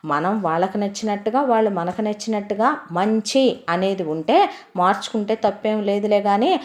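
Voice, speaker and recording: A woman's voice: mid-range voice, moderate pace, close to an everyday voice. Casual young brother-in-law, as a woman voices him, easy advising tone. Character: easygoing young brother-in-law giving advice.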